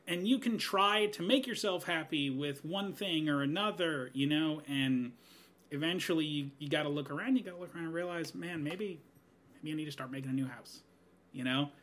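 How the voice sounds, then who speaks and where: Man, thirties, bright voice, a bit high, earnest, rambling, reflective podcast guest. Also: normal speed, slight background noise. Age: 30s. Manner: earnest, rambling, many "you know"s.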